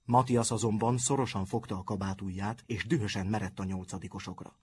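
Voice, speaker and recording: A man narrating an audiobook in an even storytelling manner. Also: lowish voice, slight background noise.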